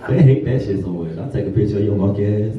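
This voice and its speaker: A young man from Ohio doing profane stand-up comedy, chatting with the crowd and slipping into squeaky quote voices. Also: quick pace, highs cut off. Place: comedy club stage. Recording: roomy club sound from a distant mic. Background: audience laughter.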